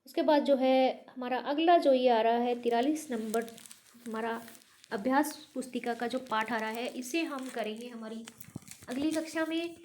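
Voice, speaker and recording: Woman Hindi teacher, high soft tone, patient and deliberate, mixes in English terms. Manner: slow and deliberate when reading examples, explains patiently. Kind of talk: grammar lesson, reading example sentences aloud.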